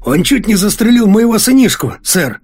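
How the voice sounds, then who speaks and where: A flustered, grumbling mustached airline captain exclaims in a raised, strained voice, as a man puts him on. His pitch leaps around restlessly and the tone is a little husky. He sounds permanently put-upon. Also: sing-song, moderate pace, a little mellow, faint music behind, exaggerated voice. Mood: protesting.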